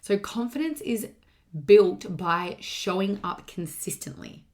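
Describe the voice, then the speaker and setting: A woman coaches listeners on her motivational solo podcast, speaking casually and emphatically and repeating key points. Her medium-pitched, darkish voice has lively intonation and a slow pace, and it sounds slightly strained, as if she is partly losing it.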